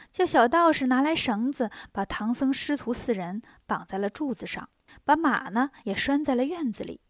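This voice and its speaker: A woman reading a children's story aloud with lively, expressive narration. Her voice sits high and bright. The recording is dry and close, with no room sound. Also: no room sound. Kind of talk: scripted narration.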